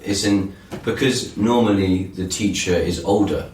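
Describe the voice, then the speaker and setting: Low-voiced southwest English man, th as f. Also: unhurried, a little mellow. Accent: southwest English, Cornwall. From Cornwall, southwest England. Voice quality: pronounces th as f. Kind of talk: casual chat. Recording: roomy echo, distant mic, faint noise.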